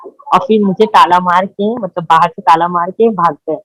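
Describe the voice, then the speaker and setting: A woman, telling her own story in halting speech, with many fillers and repeated words. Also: lowish voice, fairly even intonation, no room sound, rough recording. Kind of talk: emotional personal testimony.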